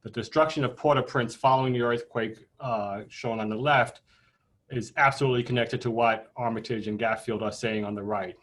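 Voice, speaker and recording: An older man who was born in Haiti, giving an academic lecture in a measured way with frequent pauses and repeated words. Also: medium pitch, steady tone, fairly bright tone.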